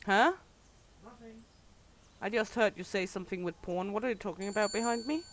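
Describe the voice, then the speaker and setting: With a mid-range voice and a slightly quick delivery, a middle-aged Danish streamer talks over a game in her thick Danish accent, reading her chat aloud and candidly responding. Slight background noise is audible.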